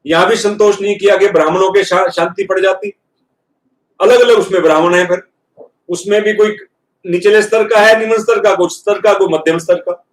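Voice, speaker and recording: A man, a professor, giving an earnest motivational talk in a lecture hall and slowing down to stress key words. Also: high-pitched, steady tone. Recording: echoey hall, speaker far from mic.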